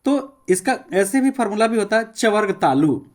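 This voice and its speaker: A male teacher gives a classroom grammar lesson. He says sounds one by one, slowly and with care, and keeps urging listeners to pay attention and try them aloud. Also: high voice, big pitch swings. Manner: repeats sounds slowly, enunciating each one as a demonstration.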